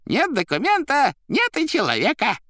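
A man voicing a fussy, mocking male demon clerk in an audiobook, shrill and theatrical. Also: sing-song, moderate pace, vocal fry, fairly bright tone, dry recording, studio quality, exaggerated voice. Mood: gleeful. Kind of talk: audiobook character voice.

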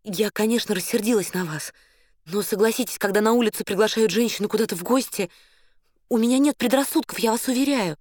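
Man putting on a high falsetto young woman, anxious, imploring, dry close sound. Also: fairly quick, no echo. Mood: flustered. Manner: agitated, imploring. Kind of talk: audiobook character voice.

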